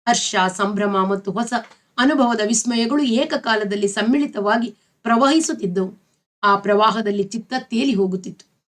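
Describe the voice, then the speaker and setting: A woman with a Kannada accent reading a novel aloud as a storyteller, in a steady, expressive way. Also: on the high side, moderate pace.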